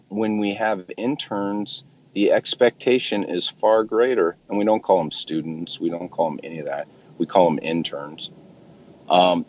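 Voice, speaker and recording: A man who runs a clinic, talking casually and emphatically in a group discussion, often clearing his throat. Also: low voice, lo-fi sound, a little hiss or hum. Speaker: clinic owner.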